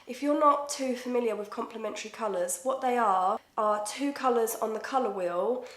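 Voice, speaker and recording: A woman's voice: a little high, normal speed, a bit bright. A woman in her twenties with an Essex accent, chatting casually and swearing freely through a makeup tutorial. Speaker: makeup vlogger. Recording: echoey room.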